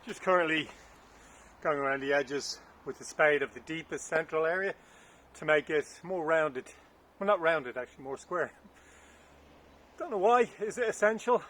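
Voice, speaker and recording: A man's voice: fairly high pitch, moderate pace, bright, forceful tone, a little hiss or hum. A man vlogging from his garden while digging, out of breath, chatting casually and thinking aloud with unsure asides, picked up by a camera on a stand. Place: garden outdoors, windy.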